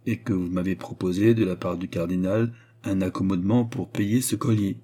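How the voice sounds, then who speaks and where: A haughty queen, read by a man in a low, dark, husky voice, interrogating with cutting scorn. She sounds commanding and contemptuous in a spoken storybook. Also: steady tone, moderate pace. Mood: stern, scornful. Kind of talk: audiobook reading.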